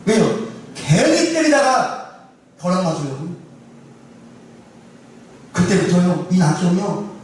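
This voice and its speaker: A male pastor preaching a sermon, telling a story in an animated way and asking rhetorical questions. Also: sits high, slow, long pauses, distant mic. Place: church sanctuary. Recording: very echoey church hall from afar, faint noise.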